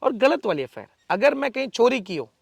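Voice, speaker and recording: A man giving forceful, defiant answers in an interview as a local political figure, with emphatic rhetorical speech. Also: very high-pitched, big pitch swings, fairly quick, gravelly, slightly rough, no room sound.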